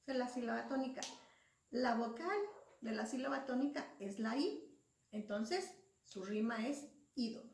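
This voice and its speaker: A woman's voice: on the high side, moderate pace, a little mellow. A woman teacher explaining a lesson patiently, spelling out syllables and letters one by one. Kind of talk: slow classroom explanation. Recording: echoey room, voice far from mic.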